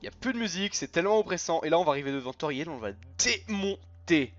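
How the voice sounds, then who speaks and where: Guy doing lets play commentary, chatty and worked up, slightly high voice, muffled lo-fi sound w game music faint behind. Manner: animated, chatty, quick outbursts of frustration. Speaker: gaming youtuber.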